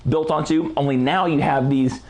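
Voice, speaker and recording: A man's voice: medium pitch, moderate pace, slight background noise. Man losing his voice, slangy tutorial. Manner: relaxed, slangy, enthusiastic. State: losing his voice, clearing throat. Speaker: photography lighting instructor. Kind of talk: casual product walkthrough tutorial.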